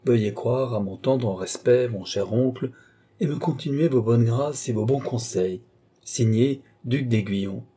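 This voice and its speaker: A man reading a classic novel aloud as audiobook narration, measured and even. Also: mid-range voice, husky. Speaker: audiobook reader.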